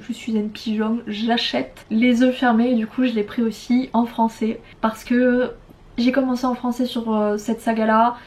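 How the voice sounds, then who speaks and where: Chatty young woman, high voice. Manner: chatty, enthusiastic, frank opinions. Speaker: book vlogger. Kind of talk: casual book chat to camera.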